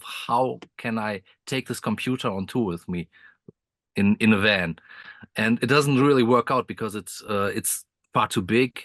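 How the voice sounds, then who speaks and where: A man's voice: lowish voice, a bit bright, no echo. A man from Croatia, talking as the guest composer on a video call from inside his motorhome, friendly, with frequent laughs and restarts. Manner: friendly, laughs often, many restarts and fillers. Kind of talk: casual interview chat.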